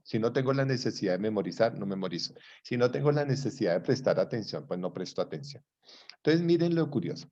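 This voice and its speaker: Colombian lecturer on a dull line. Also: male voice, mid-range voice, dark tone. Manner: conversational, keeps checking that students follow. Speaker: psychology lecturer. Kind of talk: online class lecture.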